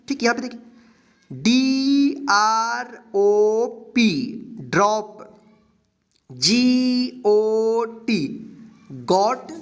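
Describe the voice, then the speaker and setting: A man teaching English phonics in Hindi. He spells words out letter by letter, then explains the rules quickly. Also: very high voice, fairly bright tone.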